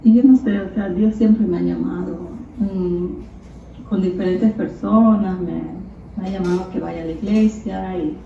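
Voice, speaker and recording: A woman's voice: medium pitch, fairly even intonation, a little slow, gravelly, mellow. A woman giving a casual personal testimony of faith, hesitant and searching for words, acting out remembered conversations. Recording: distant, roomy, tinny phone-line audio with faint noise.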